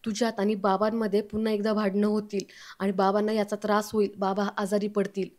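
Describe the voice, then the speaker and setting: A woman reading the lines of a firm young husband who lectures and warns, in a mellow, flat voice. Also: medium pitch, brisk, close to an everyday voice.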